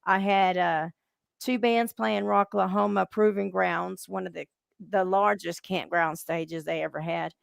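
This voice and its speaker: A brash woman hosts a casual podcast chat, trading salty stories. Her voice has a heavy gravelly fry. The sound is dry and close, with no room around her. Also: mid-range voice, fairly even intonation, unhurried, dry recording. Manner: brash, salty storytelling with laughs. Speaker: podcast host.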